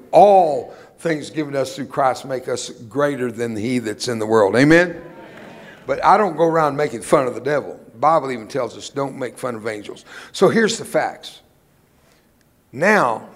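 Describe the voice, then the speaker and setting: Long reverb trails the medium-pitched voice of an older man, originally a Spanish speaker, who is a guest preacher in a church sanctuary. He preaches emphatically and tells humorous personal stories in a folksy sermon.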